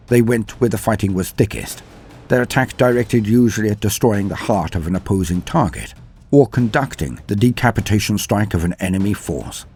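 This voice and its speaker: In a lowish, slightly mellow voice, this male lore narrator and channel host reads a script theatrically with ornate phrasing and self-deprecating, chatty asides. Background music plays under him, along with a little hiss or hum.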